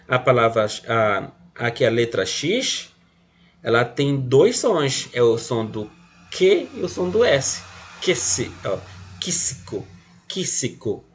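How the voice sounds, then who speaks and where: A man teaching a phonetics lesson. He patiently asks questions and answers them himself, counts letters aloud and often checks in with a quick "tá?". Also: on the high side, husky.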